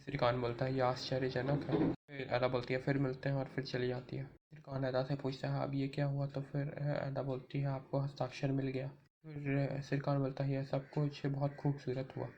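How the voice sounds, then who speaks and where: A man's voice: medium pitch, monotone, a little fast, a little mellow, dull audio. A man narrating an episode recap, retelling each scene and reading all the characters' lines himself.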